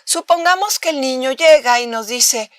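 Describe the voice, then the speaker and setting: Her voice high and animated at a normal speed, a Mexican-accented woman lectures in a recorded university master class with no echo. She relies on rhetorical questions and acts out quick examples of addressing babies.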